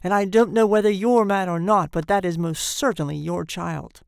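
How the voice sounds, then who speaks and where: A woman voicing a severe, insistent hospital nurse in a storybook, with a stern, brisk manner. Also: high-pitched, big pitch swings, dry recording, clean studio sound, voice pushed up, heavily acted.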